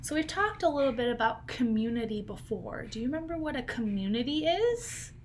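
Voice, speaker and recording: Very animated and fairly quick, with a slightly high voice, this thirtysomething teacher reads a picture book to young children indoors at home. She poses questions and explains in simple terms, over a home video call with clear background noise.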